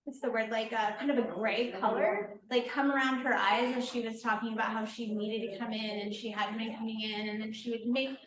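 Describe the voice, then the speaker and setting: A woman's voice: a little high, steady tone, brisk, hardly any pauses. A woman who works as a lymphatic therapist and holistic healer, giving an informal, earnest workshop lecture that is full of fillers. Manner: chatty and earnest, with frequent fillers. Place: event space at a market and deli. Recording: echoey room with faint background ambience.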